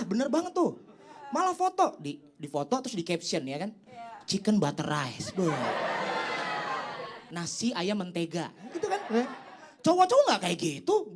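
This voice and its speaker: A young man performing a stand-up comedy set on stage, teasing the crowd and leaping up in pitch for his punchlines. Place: comedy stage before a live audience. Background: audience laughter and applause.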